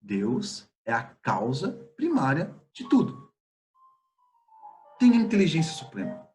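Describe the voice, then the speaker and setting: A man with a Brazilian Portuguese accent giving a spiritist study lecture, speaking in a measured, halting way with pauses and filler sounds. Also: a little high, wildly swooping pitch, a little mellow, faint music behind.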